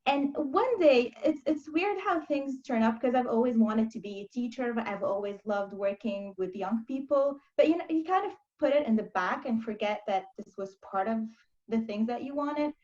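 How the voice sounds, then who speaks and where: A young Lebanese life coach candidly tells her story in an interview over a video call, tossing in quick asides. Her voice is on the high side, animated and darkish, and the audio is dull.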